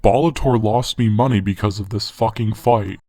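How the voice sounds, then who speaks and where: A man's voice: lowish voice, normal speed. A man narrating a scripted top ten countdown, mock-serious with crude humor. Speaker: video narrator. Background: background music.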